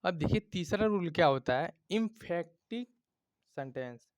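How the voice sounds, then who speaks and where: A man's voice: fairly high pitch, expressive, a little slow, smooth, no echo. A man teaching a grammar lesson, checking in often with his students and explaining with everyday examples.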